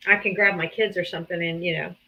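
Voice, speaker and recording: A woman's voice: on the low side, steady tone, quick pace, bright, forceful tone, poor audio. Chatty woman hosting a live stream. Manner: chatty, laughs often, swears casually. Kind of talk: casual chat.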